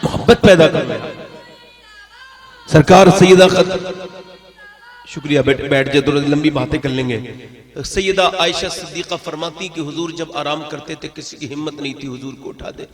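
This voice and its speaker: A man's voice: fairly high pitch, moderate pace, long pauses. A man preaching an impassioned sermon full of stories, with emphatic delivery. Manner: impassioned, emphatic, rising to shouts. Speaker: Islamic preacher. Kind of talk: sermon with storytelling. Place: religious gathering. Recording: echoey hall sound.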